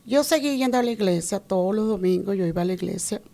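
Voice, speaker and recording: A woman's voice: mid-range voice, expressive, fast talker, creaky, mellow. A woman from Venezuela, telling her personal faith story in an interview, earnest and full of quoted conversations. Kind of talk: personal testimony.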